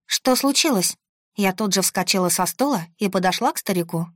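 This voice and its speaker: A woman reading a first-person story aloud in an even, steady manner. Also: mid-range voice, fast, dry recording, studio quality. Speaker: audiobook narrator. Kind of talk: scripted first-person narration.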